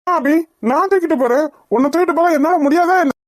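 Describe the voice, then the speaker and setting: A woman voicing a stern middle-aged husband in a village cartoon, gruff and scolding. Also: sits high, fast talker, close to an everyday voice. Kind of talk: cartoon voice acting.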